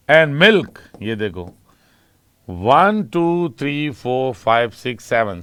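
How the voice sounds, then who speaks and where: A man teaching an English exam class, asking questions and answering them himself and reading example lines slowly. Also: a little high, fairly bright tone, clear, resonant tone, no echo, clean studio sound. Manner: explains in Hindi with English terms, asks and answers own questions. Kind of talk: classroom lecture.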